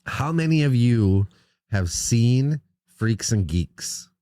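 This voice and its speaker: A man co-hosting a casual movie-review podcast, talking in an animated, profane, emphatic way. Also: mid-range voice, slow, dry recording, studio quality. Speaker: podcast co-host.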